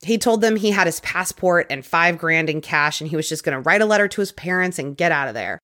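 A woman hosting a podcast, casually recounting a true-crime case with quick conversational asides. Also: on the low side, animated, fairly bright tone. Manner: conversational, quick asides, occasional put-on quotes. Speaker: podcast host telling a case.

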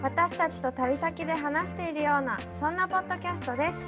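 A woman co-hosting a travel podcast, explaining things in quick casual chat with laughs. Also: very high voice, music in the background. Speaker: podcast co-host.

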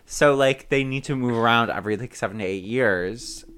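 A man co-hosts a casual chat, laid-back and explaining with fillers. His pitch sits in the ordinary middle range. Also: normal speed, fairly bright tone, smooth.

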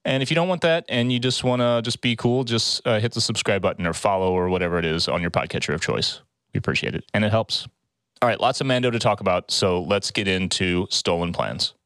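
A man's voice: on the low side, brisk, a bit bright, clean tone, no room sound, studio quality. A man speaking as a podcast host, with upbeat announcements and casual chat.

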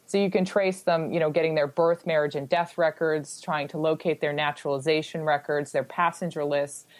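Boston-area woman, genealogy guest, low voice, dry sound, acts out little quotes as she explains. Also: fairly even intonation, a little fast, dry recording. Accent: Boston-area American. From United States. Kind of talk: casual interview answers.

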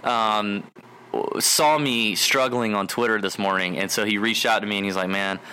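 A man in casual chat, hosting his show. His tone is bright and a little tense. He tells his story with lots of animation and laughter, over a faint layer of noise. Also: fairly low pitch, steady tone, normal speed. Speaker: podcast host.

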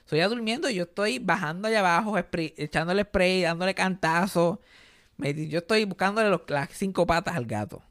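A young Puerto Rican comedian co-hosts a casual podcast, his high-pitched voice fairly quick in a dry, clean studio recording. Speaking Puerto Rican Spanish sprinkled with English words, he tells animated stories and acts out quoted voices.

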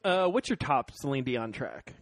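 Playful man with a lively voice. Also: medium pitch, moderate pace, background noise. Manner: curious, playful questioner. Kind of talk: loose comedic podcast chat.

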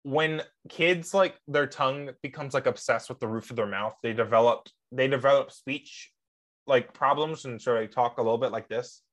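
A man's voice: mid-range voice, normal speed, fairly bright tone. A young man co-hosting a casual podcast, rambling and gushing with frequent laughs. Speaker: podcast co-host.

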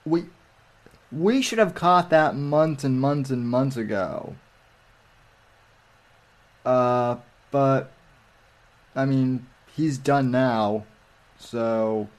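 A man telling stories in casual livestream chat, rambling and halting with many restarts. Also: mid-range voice.

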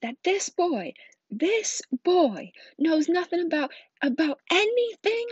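A woman voicing a huge, gruff, hot-tempered but kindly giant man from a storybook, with rustic speech and a booming growl when angered. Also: brisk, mellow. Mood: thundering outrage. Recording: roomy, dull lo-fi home recording.

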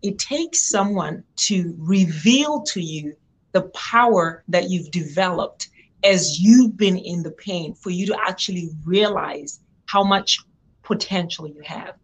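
A woman's voice: on the low side, animated, unhurried, slightly rough. A young woman from Zimbabwe, a guest in an interview, telling her story in an earnest, reflective way. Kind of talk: interview conversation.

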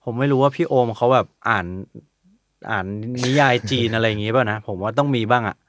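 A man's voice: mid-range voice, brisk, a bit bright, dry recording, studio quality. A young adult man, a musician guest, explaining things in casual chat with hesitant fillers.

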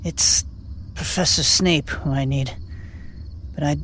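A man's voice: on the high side, fairly even intonation, slow, sharp tone, a little hiss or hum. A man voicing a weakened, insistent elderly wizard headmaster in a dramatic reading from a fantasy novel. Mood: weak, insistent.

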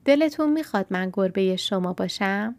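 A woman voicing a gentle, pleading tiger in a storybook reading, with dry close sound. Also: medium pitch, lively intonation, no echo, lightly acted. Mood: friendly. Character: gentle tiger wishing to be a cat.

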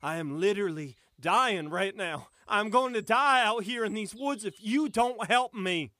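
A wounded man in pain, swinging between anger and desperate pleading, as an actor plays him in an audio drama. His voice jumps all over, from low groans to high cries. It is recorded very dry, with no room around it. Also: lively intonation, a little slow, no room sound. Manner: pained groans, swearing, shouting for help.

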